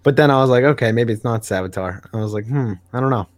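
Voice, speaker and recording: A man with a medium-pitched voice talks quickly as a podcast co-host, rambling casually about comics. He's hesitant and keeps correcting himself, and the recording is dry.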